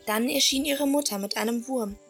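A woman narrating a children's story for an audio play, in a gentle, expressive storytelling manner. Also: high voice, moderate pace, loud music behind the voice.

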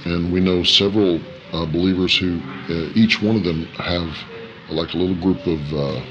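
A man giving thoughtful, halting interview answers as a guest, his voice electronically disguised. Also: steady tone, dull audio, noisy background. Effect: disguised voice, electronically lowered. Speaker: interview guest, missionary worker. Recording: music under the voice. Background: music.

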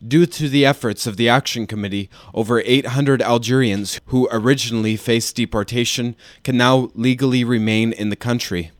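Brief: measured male news reporter, dry close sound. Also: medium pitch, steady tone, no room sound. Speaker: field reporter.

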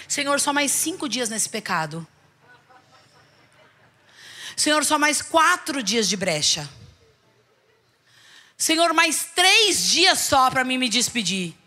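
A middle-aged Brazilian woman bishop preaching to a congregation, animated, with rhetorical questions and calls for the people to repeat after her. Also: high voice. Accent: Brazilian Portuguese. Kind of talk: sermon.

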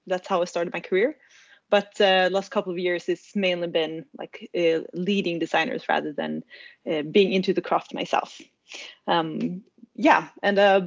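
A woman's voice: medium pitch, no echo. A woman, a head of design, introducing herself hesitantly while thinking aloud. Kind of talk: casual podcast chat.

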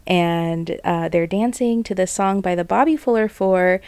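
A young woman reading a picture book aloud, with relaxed, chatty asides describing the pictures. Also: on the low side, measured pace. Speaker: storyteller.

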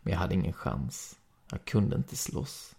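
A man with a Swedish accent reading a story aloud in calm, steady first-person narration. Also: low-pitched, gravelly, breathy edge. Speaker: podcast reader.

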